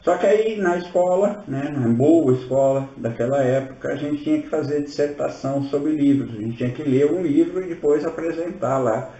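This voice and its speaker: A mellow-voiced Brazilian man in his sixties tells stories in a loose, chatty way, tossing tag questions at his listeners as he goes. He sounds set back from the microphone in an echoey room, and the recording is slightly dull. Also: medium pitch. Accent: Brazilian Portuguese. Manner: chatty and storytelling, often ending with tag questions. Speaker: spiritual teacher presenting his course. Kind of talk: informal workshop talk. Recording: roomy, distant, dull-sounding.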